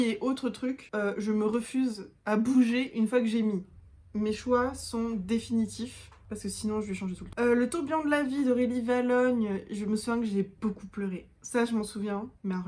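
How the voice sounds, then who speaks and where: A woman with a medium-pitched, somewhat dark voice chats casually as a book vlogger, ranking her reads in a tier list. She thinks out loud, hesitating often, and sounds both enthusiastic and self-mocking.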